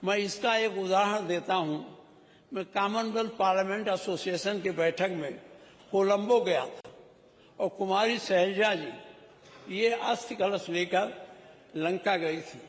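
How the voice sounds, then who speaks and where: A man's voice: high-pitched, a little slow. A middle-aged man giving a rhetorical floor speech as a legislator, scolding and teasing the ministers. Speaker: legislator speaking in the state assembly. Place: large legislative chamber. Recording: echoey hall broadcast audio.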